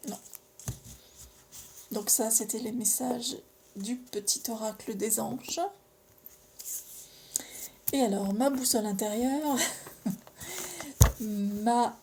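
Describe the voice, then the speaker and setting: Brief: woman card reader, higher voice, slow and gentle, hushed asides. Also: slight background noise. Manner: slow, gentle, drawn-out phrasing with pauses. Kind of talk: casual oracle card reading.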